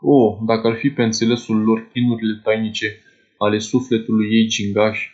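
A man's voice: fairly low pitch, level tone, a little mellow, muffled recording, natural voice. A man voicing a wild male conqueror, lovestruck and grandiose, declaiming in lofty phrases. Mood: rapturous.

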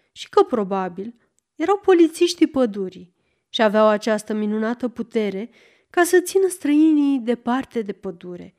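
A woman narrating a storybook aloud in a calm, measured reading. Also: a little high. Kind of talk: audiobook storytelling.

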